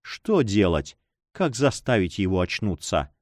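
A gentle monk, quiet and mournful, read by a man. His voice sits dry and close, the pitch moving with feeling. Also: big pitch swings, a little slow, no echo. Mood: despairing. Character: grieving monk, gentle and helpless.

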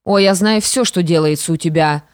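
A woman's voice: on the low side, a little fast, a little mellow, no echo, studio quality, natural voice. A woman voicing a scheming young widow, a stepmother who sounds falsely sweet and menacing. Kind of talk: audiobook character reading.

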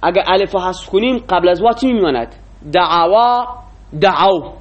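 A man's voice: sits high, expressive, lo-fi sound. A man teaching a classroom lecture, explaining rules and quizzing his students with frequent questions.

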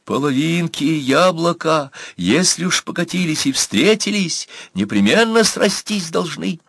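A man's voice: fairly high pitch, expressive, measured pace, gravelly, fairly bright tone, pitched above the performer's own voice, full character voice. A man voicing a short, fat, repulsive uncle who begs for love in a cooing, bleating whisper. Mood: desperate.

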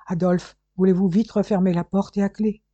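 List: reader playing a flustered hotel manager, stammering, anxious, higher voice, dark dull sound. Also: flat delivery, normal speed, no room sound, natural voice. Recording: dull, dry lo-fi recording.

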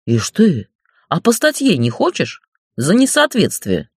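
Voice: mid-range voice, wildly swooping pitch, measured pace, slightly rough, no room sound, studio quality, heavily acted. A narrator voicing a crude, foul-mouthed middle-aged male boss who bullies and mocks in an audiobook. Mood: angry bullying. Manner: bullying, swearing, mocking. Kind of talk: audiobook character voice.

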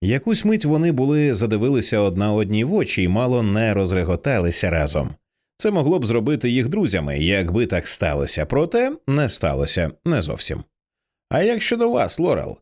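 A man narrating an audiobook in an expressive storytelling way. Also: on the low side, brisk.

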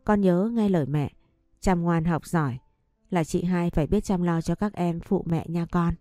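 A woman voicing a regretful young husband and father who gives gentle, pleading instructions to his family. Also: on the low side, moderate pace, no room sound, clean studio sound, faint music behind, lightly acted. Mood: tearful.

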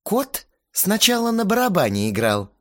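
A man voicing a tipsy young woman who teases and giggles in a drawn-out way. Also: high voice, huge pitch swings, pitched above the performer's own voice. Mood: teasing.

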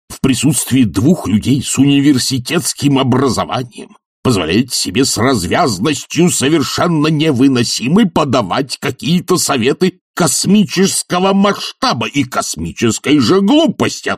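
A man's voice: low-pitched, vocal fry, mellow, husky, no echo, clean studio sound, heavily acted. A man voicing an imperious older professor, lofty and ironic, who bursts into thundering rage, in an audiobook. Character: imperious older male professor, quick to fury. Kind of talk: audiobook character voice.

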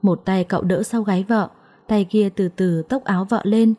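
A woman narrating a story in a steady, expressive reading voice. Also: medium pitch, moderate pace. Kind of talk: scripted audiobook narration.

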